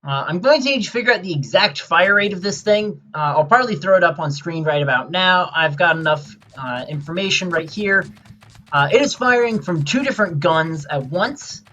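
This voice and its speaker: A man giving casual gameplay commentary, rambling and excitable as he explains his build, with many filler sounds. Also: sits high, moderate pace, slight background noise.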